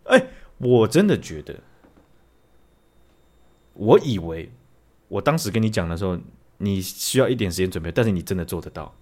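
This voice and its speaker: A man co-hosting a casual podcast, telling stories in an animated, teasing way. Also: sits low, normal speed, pauses often. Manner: animated, teasing storyteller who acts out scenes. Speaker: podcast co-host. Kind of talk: casual chat.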